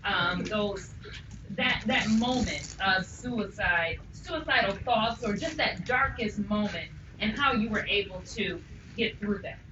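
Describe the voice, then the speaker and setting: A woman host asks her guest a sensitive question gently and carefully, pausing to find her words. She is heard from a distance in a roomy space. Steady background noise sits under a dull, lo-fi recording. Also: medium pitch. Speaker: interview host.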